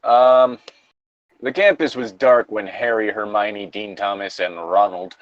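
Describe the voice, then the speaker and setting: With a fairly low, unhurried voice, a man works through a piece of fan fiction, tossing in wry humor and casual commentary. The audio is close-miked, echo-free, and somewhat lo-fi.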